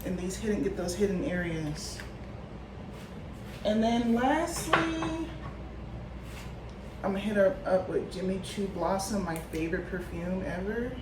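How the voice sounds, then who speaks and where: A woman's voice: mid-range voice, expressive, unhurried, pauses often. A woman in her thirties chatting casually to the camera in a vlog, rambling with lots of fillers while she gets ready at home. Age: 30s. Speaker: vlogger. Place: home room, getting ready. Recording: echoey room with clear background noise.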